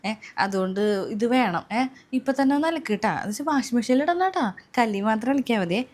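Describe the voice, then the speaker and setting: A woman's voice: on the high side, lively intonation, fast talker. A woman playing a demanding young new mother who orders her sister-in-law around in a comedy sketch. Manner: bossy, whiny, insistent.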